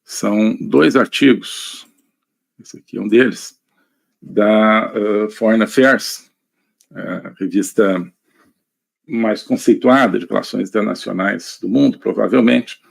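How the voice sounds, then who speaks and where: A man with a Brazilian Portuguese accent giving a live online lecture, measured and thinking aloud with many fillers. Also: lowish voice, creaky. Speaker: lecturer on politics. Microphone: computer mic, screen sharing.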